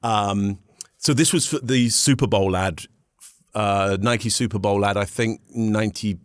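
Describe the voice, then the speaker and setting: Male interview guest, fairly low voice, halting casual storyteller, dry close mic. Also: no echo. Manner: halting, repeats phrases for emphasis. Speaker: podcast guest, body language expert.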